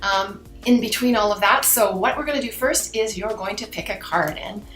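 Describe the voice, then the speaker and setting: A woman's voice: medium pitch, normal speed, fairly bright tone, roomy sound, soft background music. A woman doing a card reading to camera like a fortune teller, chatting directly to viewers in a mystical new-age way. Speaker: tarot and oracle card reader hosting her own channel.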